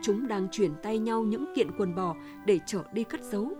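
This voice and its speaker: A woman reading a story aloud in a steady, measured way. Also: medium pitch, music in the background. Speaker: audiobook reader. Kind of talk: storytelling narration.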